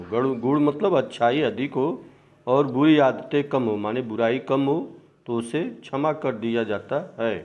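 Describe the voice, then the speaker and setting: A man's voice: medium pitch, darkish tone. Male teacher explaining a lesson. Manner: repeats and glosses words in simpler terms. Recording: dull lo-fi recording.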